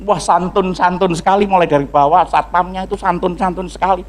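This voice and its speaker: A male pastor giving a lively testimony sermon to a congregation, acting out dialogue and singing snippets of hymns. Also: sits high, fairly quick, poor audio. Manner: animated storytelling with acted dialogue and sung snippets.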